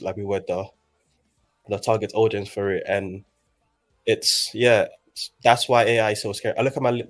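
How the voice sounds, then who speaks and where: A man in his twenties from Nigeria, talking in a casual group chat and often restarting his sentences as he thinks aloud. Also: lowish voice. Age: 20s. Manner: halting, with many restarts.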